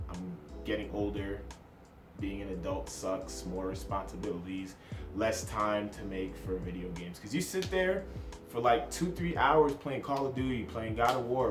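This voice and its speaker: A man's voice: on the low side, roomy sound. A man in his twenties from New Jersey, chatting casually to camera in his first vlog, self-deprecating and hopping from topic to topic. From New Jersey, USA. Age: 20s. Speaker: vlogger.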